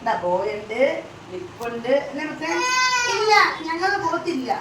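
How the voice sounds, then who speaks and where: A woman chats through a casual family vlog at home, coaxing her small child and turning to address the viewers. Her voice sits on the high side and rises and falls in a sing-song way. Steady noise runs under the whole recording. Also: measured pace. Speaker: vlogger and mother.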